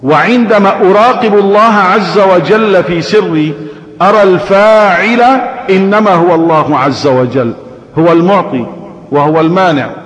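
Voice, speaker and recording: A man preaching a sermon with a Syrian Arabic accent, telling stories animatedly and asking rhetorical questions. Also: high-pitched. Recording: echoey hall reverb.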